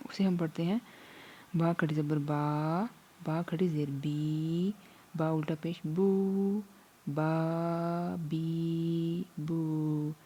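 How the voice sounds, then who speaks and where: Patient female tutor, mellow low voice, slow steady drills. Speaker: Quran reading teacher. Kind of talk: online lesson.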